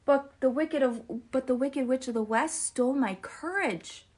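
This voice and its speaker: A woman doing a cowardly lion, meek, sheepish, gentle, storybook animal, fairly high voice. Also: a little slow, husky.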